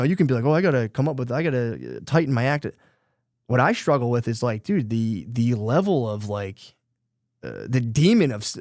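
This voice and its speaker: A man's voice: mid-range voice, a little mellow, no echo. A middle-aged man rambles through a casual podcast chat, cursing freely and running himself down. His voice sits in a middle register. It is recorded close and dry, with no room sound. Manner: rambling, self-deprecating, swears casually, says dude a lot. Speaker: podcast co-host.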